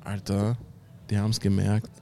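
A man's voice: on the low side, completely flat delivery, moderate pace, gravelly, mellow, dry recording. Slangy Austrian man telling a story. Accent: Austrian German. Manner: rambling anecdote full of slang and fillers. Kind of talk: casual chat.

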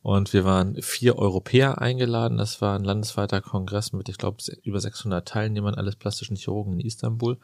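A man's voice: on the low side, steady tone, fast talker, creaky, hardly any pauses, a little mellow, no room sound, clean studio sound. A man hosting a casual podcast interview, chatty and joking, telling anecdotes with gusto. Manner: jokey, chatty storyteller. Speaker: podcast host and plastic surgeon.

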